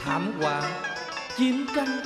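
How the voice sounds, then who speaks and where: A woman singing as a grieving mother, slow lament. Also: on the high side, big pitch swings. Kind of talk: slow sung reformed opera lament. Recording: roomy hall with loud music.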